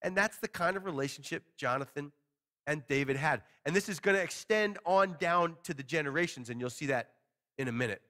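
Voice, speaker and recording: A man's voice: fairly high pitch, a little fast. A man in his forties preaching to a small congregation from a church stage, teaching conversationally and paraphrasing scripture in everyday words. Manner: conversational, animated hand gestures, paraphrases scripture casually. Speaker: pastor. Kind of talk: expository sermon.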